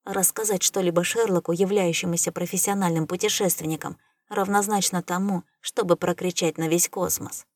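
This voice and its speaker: A woman reading first-person audiobook narration in a wry, measured way. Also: lowish voice, steady tone, a little mellow, dry recording, clean studio sound.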